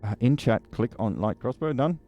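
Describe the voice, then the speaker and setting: A man's voice: mid-range voice, expressive, normal speed, warm tone, no room sound, highs cut off. A man playing in a tabletop game, joking around and fumbling through the rules. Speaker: player. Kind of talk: casual chat during a tabletop game.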